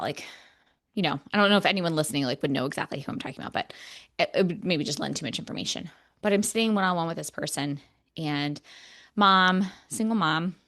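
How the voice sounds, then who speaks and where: A woman's voice: on the low side, a bit bright. A woman co-hosting a podcast, talking in an earnest, reflective way with many fillers, close to tears. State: emotional, near tears. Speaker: podcast co-host. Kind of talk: casual podcast conversation.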